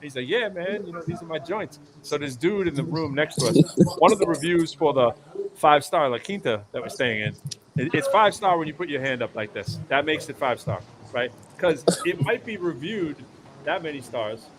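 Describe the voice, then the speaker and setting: A crowd murmurs behind this live stream host, and the recording is rough. His voice is a little high and animated at a moderate pace as the East Coast man rambles casually through long stories from a New York City hotel area, with plenty of fillers and restarts.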